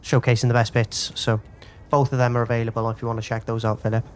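Brief: young guy, fast rambling gamer banter, faint background hiss. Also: mid-range voice, level tone. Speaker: gamer, channel host. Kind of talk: casual gaming chat.

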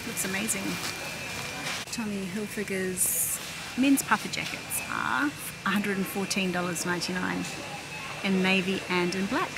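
A middle-aged woman with a medium-pitched voice, fairly even intonation and some vocal fry narrates her shopping at a measured pace, chatting and thinking aloud as a shopping vlogger. She is in a large indoor warehouse store, filmed on a handheld camera by an operator standing behind it. A loud warehouse hum, rumble and store ambience sit behind her.

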